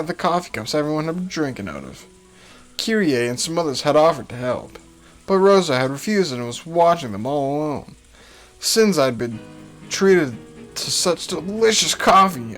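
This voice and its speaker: Visual novel reader, androgynous mid-pitched voice, dramatic narration, faint music underneath. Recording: music behind.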